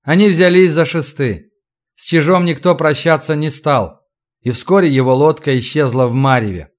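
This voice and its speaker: A man reading an audiobook with steady scripted narration. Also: on the high side, normal speed.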